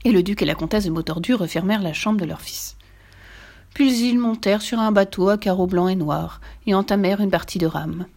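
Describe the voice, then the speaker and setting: A woman narrating a children's story aloud with expressive, playful delivery. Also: medium pitch, brisk.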